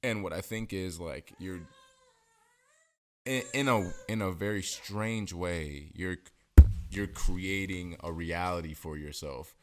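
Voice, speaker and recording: A man's voice: low voice, slow, fairly bright tone, slight background noise. A man co-hosting a casual podcast chat, musing in a laid-back way and swearing casually. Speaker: podcast co-host.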